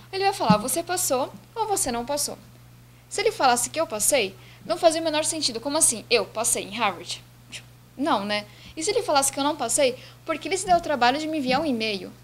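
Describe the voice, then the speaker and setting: A woman's voice: high voice, a bit bright, slight background noise. An eighteen-year-old woman from Brazil tells her own story casually in an office, acting out the dialogue she quotes. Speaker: student telling her story. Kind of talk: casual personal account to camera. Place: office indoors.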